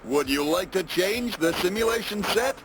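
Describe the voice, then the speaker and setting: A man's voice: high-pitched, normal speed. A man voicing a malfunctioning robot in a video game that keeps glitching, breaking off its threats and looping into error messages. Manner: flat machine announcements that break off mid-threat. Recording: game audio with clear background noise.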